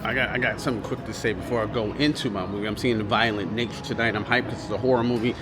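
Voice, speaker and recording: A man's voice: lowish voice, steady tone, rapid-fire, music in the background. An American man giving a casual vlog-style movie review in a slangy, profane way.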